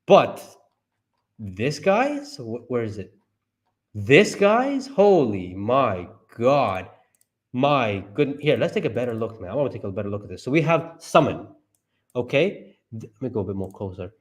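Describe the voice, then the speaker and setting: Excitable man reacting live to numbers. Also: normal speed. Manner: excitable, talks to himself, bursts into high yelps. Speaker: stock market streamer.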